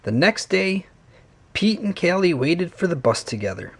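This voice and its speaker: A man narrating a children's read-along story in an expressive, swooping storytelling manner. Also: high-pitched, normal speed, a little hiss or hum.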